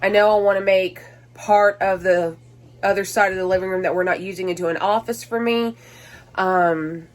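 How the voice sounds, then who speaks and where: A mom vlogger in her twenties chats casually with viewers from her small, cluttered home. She rambles with lots of "um"s and restarts, sounds a bit out of breath and affected by allergies, and keeps a steady tone at normal speed in a plain middle pitch.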